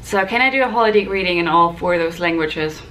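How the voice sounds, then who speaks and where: Speaking quickly and with lots of animation, this native German vlogger in her twenties, who works as a flight attendant, answers questions for the camera in a relaxed, explanatory way. Her somewhat low voice has a fairly bright tone. The audio is poor, recorded indoors in a small hotel room with audible room noise behind her.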